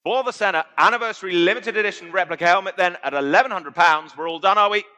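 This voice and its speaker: High, bright-voiced British auctioneer. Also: male voice, quick pace. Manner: conversational, repeats bid figures. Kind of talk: live auction calling. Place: auction sale room.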